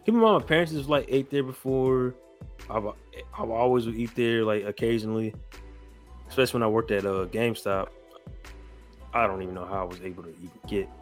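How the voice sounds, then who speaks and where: A man's voice: fairly low pitch, brisk, long pauses, faint music behind. A young man, hosting a casual podcast chat, telling rambling stories and swearing freely. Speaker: podcast host.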